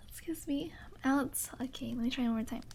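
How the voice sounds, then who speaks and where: A woman's voice: high-pitched, mellow. A woman streamer chatting casually with viewers on a live stream. She giggles often, reads requests aloud, answers them and apologizes with a self-mocking air.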